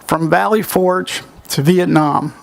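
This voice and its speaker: A man giving formal ceremony remarks as master of ceremonies, speaking in measured, courteous tones at a lectern microphone. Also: high voice, gravelly.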